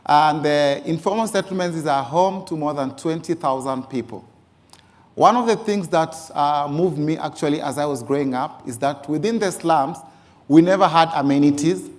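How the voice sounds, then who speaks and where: Speaking at a normal speed in a slightly high voice, a Kenyan-accented man from Mombasa presents his personal story alongside photo slides. He founded a youth organization, and he frequently and emphatically says "actually."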